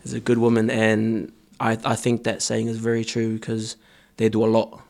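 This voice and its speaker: A man's voice: on the low side, completely flat delivery, moderate pace, gravelly, darkish tone. A young man, a choreographer answering interview questions earnestly, with many ums and restarts. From born in Samoa, raised in New Zealand. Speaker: dancer and choreographer guest.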